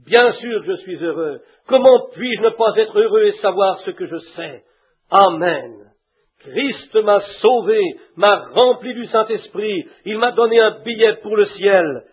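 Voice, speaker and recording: A man's voice: sits high, unhurried, husky. A man preaching a sermon fervently, breaking into hallelujahs and imitating a duck and a hen. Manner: fervent, with shouted hallelujahs and imitated animal calls. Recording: tinny phone-like lo-fi recording.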